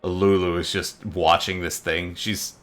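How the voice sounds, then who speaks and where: A man narrating a tabletop game as game master, in a relaxed storytelling manner with many fillers. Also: low voice, measured pace.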